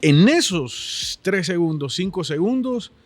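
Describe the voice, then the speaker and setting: A man's voice: high voice, animated, slow pace, no echo. A man with a Honduran accent, speaking earnestly and reflectively as a podcast guest. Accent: Honduran Spanish. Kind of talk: reflective conversational chat.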